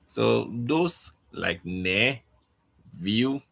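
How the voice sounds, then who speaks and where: A man teaching a casual online language lesson, speaking haltingly and often checking in with "okay?". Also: mid-range voice, expressive, gravelly, fairly bright tone.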